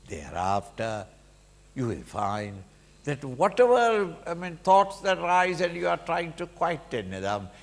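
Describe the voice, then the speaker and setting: Indian guy doing a spiritual sermon, slow n dramatic, pitch swinging all over, big echoey hall. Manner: emphatic, dramatic, with rhetorical questions and sudden swells. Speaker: spiritual teacher giving a scripture discourse. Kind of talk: animated sermon with acted-out examples. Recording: reverberant hall with long echo.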